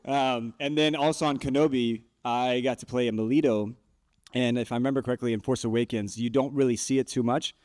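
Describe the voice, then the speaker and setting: A man's voice: medium pitch, fast, dry recording, clean studio sound. A man on a convention panel telling stories from set, casually, acting out his own reactions. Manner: animated, acts out his own reactions in quotes. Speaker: panelist, costumed performer.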